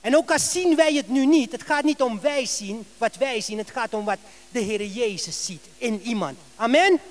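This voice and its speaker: A male pastor preaching a sermon in a church, telling a story with lively rhetorical questions. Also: very high voice, moderate pace.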